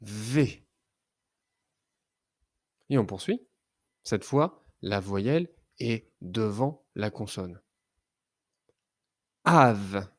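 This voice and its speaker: A man teaching a child to read, sounding out letters and syllables slowly and carefully. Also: fairly low pitch, animated, a little mellow, dry recording, studio quality. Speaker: reading teacher. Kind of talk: children's phonics lesson.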